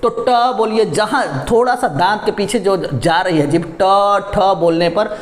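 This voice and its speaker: A man with a fairly high voice teaches pronunciation patiently, drilling syllables one by one and putting questions to his students. He calls them his dear children. The room around him is echoey. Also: measured pace. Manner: patient, repeats syllables and asks questions to the class; addresses viewers as "my dear children". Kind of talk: Hindi pronunciation lesson.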